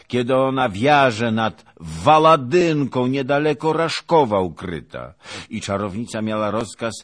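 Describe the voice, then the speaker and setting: A man voicing a chubby, excitable young male servant in an audiobook. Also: medium pitch, breathy edge, voice pushed up. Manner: excited, exclaiming.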